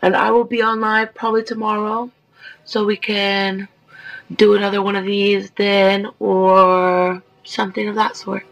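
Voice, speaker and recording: A woman's voice: mid-range voice, flat delivery, unhurried, fairly bright tone, low-quality recording. A woman in her twenties from Oklahoma, chatting casually and playfully on a video call. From Oklahoma, USA. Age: 20s. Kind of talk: casual chat.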